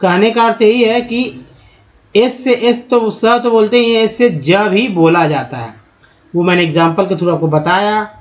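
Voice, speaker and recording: A man teaching how English letters are pronounced, explaining step by step with many pauses and fillers. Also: high voice. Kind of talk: spoken lesson to camera.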